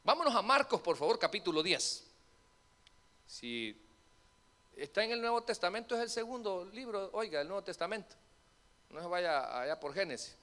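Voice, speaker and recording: Preacher: a high-voiced man, bright and animated, quizzing his congregation from the pulpit. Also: moderate pace, long pauses. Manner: animated, asks the congregation questions. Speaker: pastor. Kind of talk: sermon. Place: church sanctuary. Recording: reverberant church hall.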